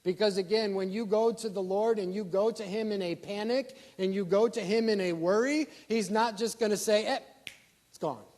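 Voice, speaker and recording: A pastor preaching a sermon, asking the congregation rhetorical questions and swinging from loud emphasis down to quiet asides. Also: male voice, high-pitched, steady tone, moderate pace, hardly any pauses.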